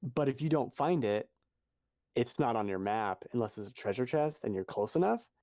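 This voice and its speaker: A man co-hosts a podcast, chatting casually while he rambles and revises his own statements. His medium-pitched voice is dark with lively intonation at a normal speed, and the recording is dry and clean studio sound.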